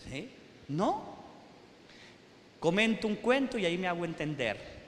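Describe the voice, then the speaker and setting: Male priest, sermon storyteller, high voice, echoey hall with a long tail. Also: big pitch swings, measured pace. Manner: storytelling, keeps checking in with the audience. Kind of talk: sermon at a retreat. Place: large hall at a retreat. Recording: echoey hall, faint noise.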